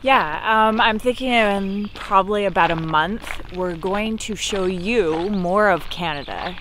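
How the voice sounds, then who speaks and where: A woman's voice: medium pitch, unhurried, noisy background. A woman in her thirties talking to a handheld camera by a lake, friendly and plain. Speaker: family vlogger. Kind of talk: casual vlog talk to camera. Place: outdoors by a lake. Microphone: handheld camera at arm's length.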